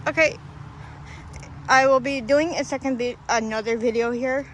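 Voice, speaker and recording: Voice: sits high, fairly even intonation, normal speed, a bit bright, poor audio. A paranormal vlogger, out of breath, rambling and apologetic, talking casually to viewers outdoors. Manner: rambling, apologetic, restarts mid-sentence. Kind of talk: casual vlog talk to viewers. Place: outdoors in a hilly, windy graveyard. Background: faint wind noise.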